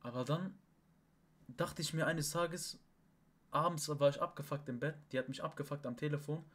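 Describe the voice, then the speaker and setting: A man's voice: a little high, steady tone, normal speed, fairly bright tone. A young man and stream host, rambling casually to a chat partner with speech, emphatic and full of oaths and restarts. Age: young adult. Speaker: livestream host.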